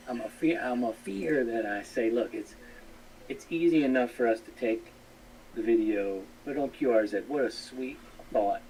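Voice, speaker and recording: A man with a fairly low, slightly mellow voice talks casually on a live stream, earnest, rambling and repetitive as he appeals to fellow hams. He's picked up by a distant mic with faint noise.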